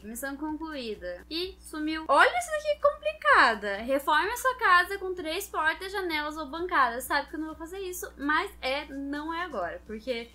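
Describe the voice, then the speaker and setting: A woman's voice: sits high, sharp tone. A young woman hosting her own gaming channel, chatting casually to viewers as she plays a mobile game. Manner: chatty, talks straight to viewers. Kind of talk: casual gameplay commentary.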